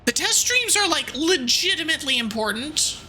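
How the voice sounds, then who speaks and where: A woman's voice: high-pitched, very animated, moderate pace, sharp tone, slight background noise. A woman livestreaming a game and chatting to viewers in a cute, bubbly anime-streamer manner, playful and mock-bossy. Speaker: streamer, VTuber.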